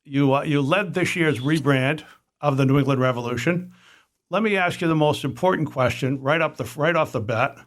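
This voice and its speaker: A man's voice: fairly high pitch, normal speed. A man who is a comedian hosting a casual podcast interview, joking and rambling with many restarts.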